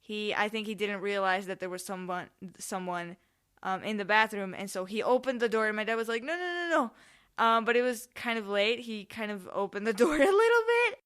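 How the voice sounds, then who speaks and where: Bright, clear-voiced young woman podcaster. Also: mid-range voice, fairly quick. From Spain, with family in Mexico. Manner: rambling, self-correcting, informal. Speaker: podcast host. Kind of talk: casual solo storytelling.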